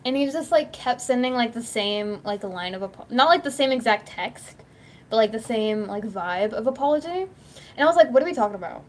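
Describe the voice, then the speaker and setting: A woman's voice: fairly high pitch, animated, moderate pace, slight background noise. A woman YouTuber chatting casually at home, rambling through stories and acting out quoted dialogue, saying "like" constantly. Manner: rambling storytelling, acts out quoted dialogue, heavy "like" filler. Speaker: YouTuber and livestreamer. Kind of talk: casual chat.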